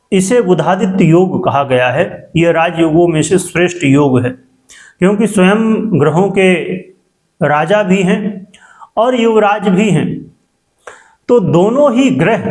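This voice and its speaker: A high-pitched man explains a horoscope at a calm, measured pace as an astrologer. An echo hangs on his voice, and he keeps turning to address his viewers directly.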